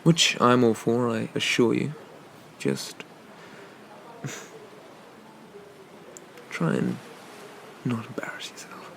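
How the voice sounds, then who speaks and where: Faint noise sits behind a roguish, gentlemanly pirate captain, played by a man in an ASMR ASMR role-play. He talks very slowly, with a creaky, gravelly edge. His manner is flirty and teasing, with murmured asides. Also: medium pitch, steady tone.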